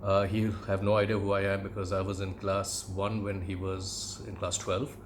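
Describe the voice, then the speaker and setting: A middle-aged man from India with an educated Indian English accent, reminiscing in a conversational monologue with measured, hesitant phrasing. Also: deep voice, completely flat delivery, slight background noise. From Calcutta, India. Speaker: podcast host, aviation commentator.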